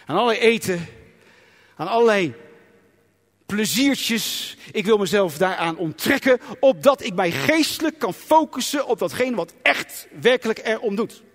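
A man's voice: sits high, expressive, measured pace, a bit bright. A man preaching a sermon in an emphatic, dramatic way, sometimes acting out inner voices. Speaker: pastor. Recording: long reverb of a church hall.

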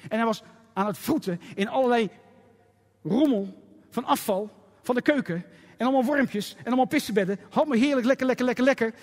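Pastor, male, middle-aged, emphatic sermon delivery; high husky voice, church hall reverb. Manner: preachy, emphatic, with rhetorical questions. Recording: echoey hall with faint music.

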